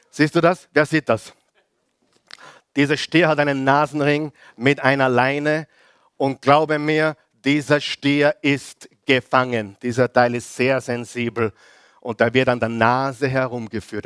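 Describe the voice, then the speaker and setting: A middle-aged Austrian man preaching in a lively way and calling the congregation to read aloud with him. His voice sits fairly high for a man. It is recorded close and dry, with no room echo. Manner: lively, leads the congregation in call-and-response readings. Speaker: pastor. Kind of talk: sermon.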